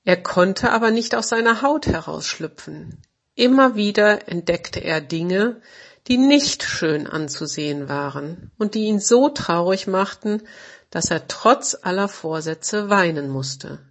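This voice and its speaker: Slow, gentle woman reading a storybook. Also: medium pitch, lively intonation. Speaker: narrator.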